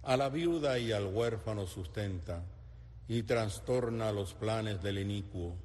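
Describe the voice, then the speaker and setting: A man leads a psalm at a slow pace. His voice is on the low side and carries a long church echo. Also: a little mellow. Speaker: psalm reader. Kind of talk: responsorial psalm with repeated refrain. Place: large reverberant church interior. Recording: long echoing church reverb.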